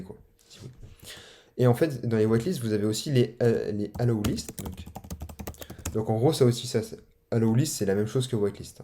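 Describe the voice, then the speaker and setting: A man's voice: on the low side, warm tone. A young man casually teaching online, talking loosely with slang and many fillers. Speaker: online course instructor. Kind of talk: casual explanatory tutorial.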